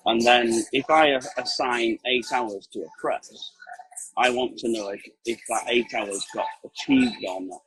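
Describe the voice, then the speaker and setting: A man's voice: mid-range voice, unhurried, fairly bright tone, poor audio. A man chatting casually as a call-in guest, explaining emphatically and posing questions that he then answers. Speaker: call-in guest, print production operator. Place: outdoors at a pub. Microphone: video call.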